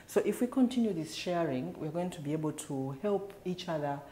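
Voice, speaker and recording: A woman from Uganda giving a measured, articulate interview answer. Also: low voice, animated, warm tone, a little hiss or hum. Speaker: workshop participant.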